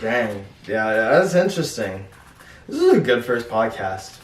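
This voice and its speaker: A man's voice: fairly low pitch, big pitch swings, unhurried. A young man hosting a casual podcast chat in a blunt, slangy way. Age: young adult. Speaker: podcast host. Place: small bare room, indoors at a table. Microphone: distant camera or room mic. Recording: echoey room, distant mic.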